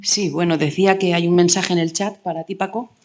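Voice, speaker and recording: A woman's voice: fairly low pitch, fairly even intonation, brisk, darkish tone, soft background music. A woman moderates an online talk, relaying messages the audience chat.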